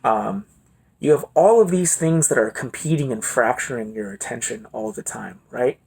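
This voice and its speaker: Husky man giving a casual talk. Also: mid-range voice, moderate pace, a little mellow. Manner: conversational, frequent "right?" check-ins. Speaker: guest speaker.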